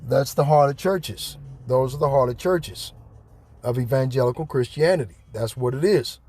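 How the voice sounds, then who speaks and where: A man's voice: medium pitch, moderate pace, a little mellow, slightly rough. A man preaching from scripture in a home video, rambling with profane asides. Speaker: self-styled preacher. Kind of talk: home video Bible teaching.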